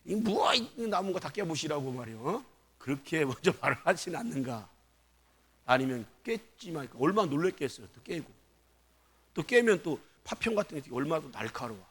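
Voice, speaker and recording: A man's voice: medium pitch, breathy edge. A male pastor preaching a sermon in a church, questioning the congregation and calling for responses. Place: church sanctuary.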